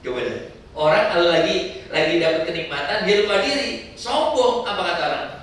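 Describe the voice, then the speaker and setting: A man instructing a pilgrim group in a lively sermon, asking the listeners questions as he goes. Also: high voice, fairly quick. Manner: lively preaching with rhetorical questions. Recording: very echoey hall from far off, faint ambience.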